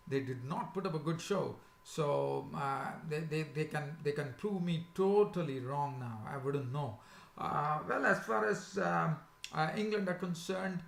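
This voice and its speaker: A man with a sore, swollen-sounding throat, hosting a casual, unscripted cricket preview in a halting, hesitant way. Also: fairly high pitch, vocal fry. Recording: echoey, roomy sound.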